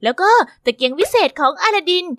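A woman voicing a flattering, courtly female magic mirror in an animated story. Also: high voice, brisk, dry recording, studio quality, full character voice. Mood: fawning.

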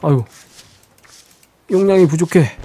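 A man with a fairly high voice gives chatty, live let's-play commentary on a survival game. He answers his viewers' questions and talks to the game's creatures as he plays. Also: measured pace, dark tone, breathy edge. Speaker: game streamer.

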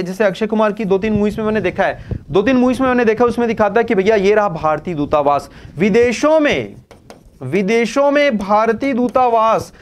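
A young man teaching a current affairs lesson for exam preparation in a chatty way, asking questions and answering them himself and mixing English terms into Hindi. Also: high voice. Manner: chatty, asks and answers his own questions.

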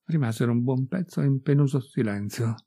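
A man reading a literary short story aloud in a measured, steady narration. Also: medium pitch, husky. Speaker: audiobook reader.

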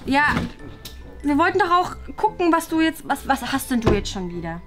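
A woman's voice: sits high, big pitch swings, normal speed, over music. A woman playing a strict, impatient mother. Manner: scolding, impatient. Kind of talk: family role-play drama.

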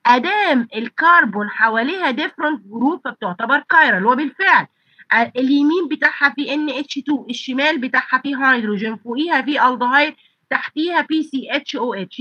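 Fast-talking congested Egyptian woman lecturer. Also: high-pitched, breathy edge, dry recording, lo-fi sound. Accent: Egyptian Arabic. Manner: asks students rhetorical questions and answers them. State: congested, blocked nose and throat. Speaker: pharmacy college lecturer. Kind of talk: online lecture. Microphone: computer mic on a video call.

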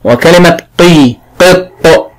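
A man with an Egyptian accent teaching early reading, sounding out syllables slowly and clearly. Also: on the high side, poor audio. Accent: Egyptian Arabic. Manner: slow, drawn-out sounding of syllables. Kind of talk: classroom phonics lesson.

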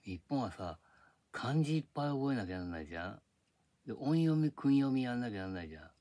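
An older Japanese man vlogs at home on a tablet microphone in a casual, grumbling monologue, chatting and drifting between topics. His medium-pitched voice is warm, fast, and sing-song.

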